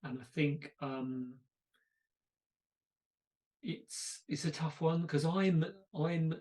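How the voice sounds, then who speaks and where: A man's voice: a little high, drawn-out words, crowd noise. Chatty man hosting a podcast. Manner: chatty, storytelling with self-deprecating asides. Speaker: podcast host. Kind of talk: casual conversation.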